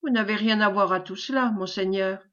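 A woman's voice: medium pitch, fairly quick, highs cut off, natural voice. Woman reading a fawning, sly male schemer. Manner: caressing, obsequious flattery.

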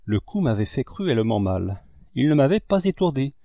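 Male audiobook narrator, expressive and dramatic; mellow tone, close dry mic. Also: mid-range voice, moderate pace, no room sound, dull audio. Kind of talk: audiobook reading.

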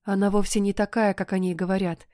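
A woman's voice: medium pitch, flat delivery, quick pace, warm tone, no echo, close to an everyday voice. A distraught young heroine of a fantasy storybook, her voice shaky, tearful and pleading, as the woman reading puts her on. The sound is dry and close, with no room around it.

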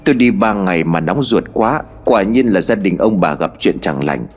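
Man voicing stern old sorcerer, grave, slow, low, husky, spoken horror tale. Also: animated, soft background music.

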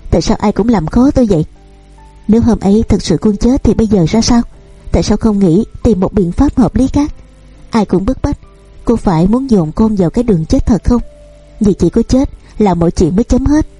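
A tormented, disfigured young man who protests and begs in anguish. The voice is dark and husky, recorded close and dry, read by a woman storyteller. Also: medium pitch, lively intonation, brisk, no echo, soft background music. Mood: protesting. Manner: anguished, pleading.

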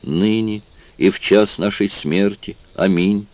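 A man's voice: fairly low pitch, takes it slowly, darkish tone. A man reading a frightened young woman who mumbles a prayer under her breath. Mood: murmuring.

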